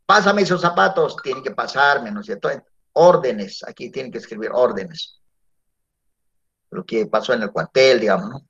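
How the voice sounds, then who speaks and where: A man's voice: medium pitch, normal speed. A male teacher giving a classroom lecture, often checking in with his students through tag questions. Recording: dull lo-fi classroom recording.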